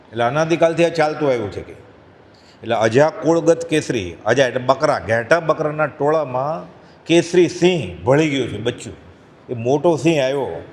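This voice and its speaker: A man's voice: mid-range voice, a little mellow. A man giving a spiritual discourse, telling a parable and acting out its characters' voices. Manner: acts out voices of the lions in the parable. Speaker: spiritual speaker. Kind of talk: devotional discourse with storytelling. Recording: long hall reverb.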